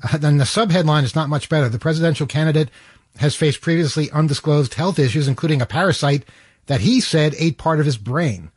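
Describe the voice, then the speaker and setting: A man's voice: a little high, a little fast, breathy edge, no echo, studio quality. A man hosting a radio show in a casual, hesitant, conversational way. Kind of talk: casual talk radio chat.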